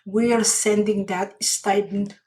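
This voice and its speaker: A middle-aged woman from Somalia, hosting a personal storytelling podcast in an earnest, unhurried way with pauses and restarts. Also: mid-range voice, flat delivery, a little mellow, low-quality recording. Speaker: podcast host.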